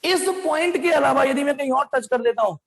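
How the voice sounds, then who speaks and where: High-voiced male teacher in an echoey hall. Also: a little fast, vocal fry. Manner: repeats key phrases, coaxing, calls students "beta". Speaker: physics teacher. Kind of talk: classroom lecture at a whiteboard. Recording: echoey classroom with long reverb.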